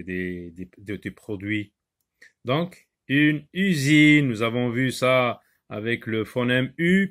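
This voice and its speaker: A male teacher giving a classroom reading lesson, sounding out syllables slowly and repeating words with emphasis. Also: on the low side, fairly bright tone.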